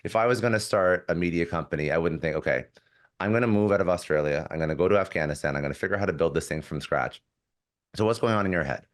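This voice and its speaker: A man's voice: low-pitched, quick pace. A man hosting a podcast, asking long, eager, rambling questions. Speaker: podcast host. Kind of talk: interview questions.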